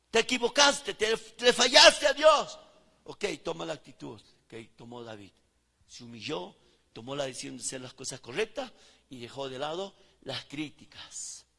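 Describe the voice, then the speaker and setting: A man preaching a fervent sermon, swinging between loud calls and hushed words. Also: sits high, long reverb tail. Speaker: pastor.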